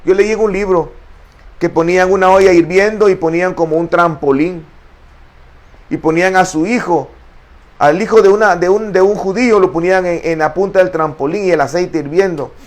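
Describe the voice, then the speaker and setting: A middle-aged man preaching a sermon as pastor, impassioned and rising toward shouting at its peaks, often restarting his words. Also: sits high, normal speed. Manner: restarts and stumbles over words.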